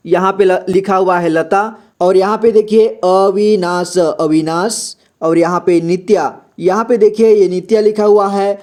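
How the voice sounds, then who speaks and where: High-voiced man spelling words slowly. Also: a little mellow. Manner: repeats "ठीक है" and "दोस्तों" often. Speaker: teacher. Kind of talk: slow step-by-step reading lesson.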